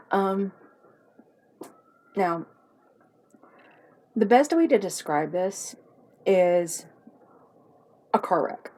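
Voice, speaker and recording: A woman's voice: fairly low pitch, a little mellow, low-quality recording. A woman hosting a review vlog, talking in a chatty, rambling and self-mocking way. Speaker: vlog host reviewing a TV series. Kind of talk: casual chat.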